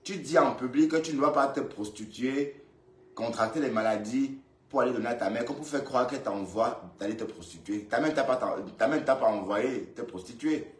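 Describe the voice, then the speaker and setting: A man from Cameroon giving casual commentary on a live video, lively and scolding, often repeating himself as he talks straight to the woman he reacts to. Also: medium pitch, normal speed. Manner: lively, scolding and repetitive, addressing her directly. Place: indoors, in Brussels. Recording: roomy echo.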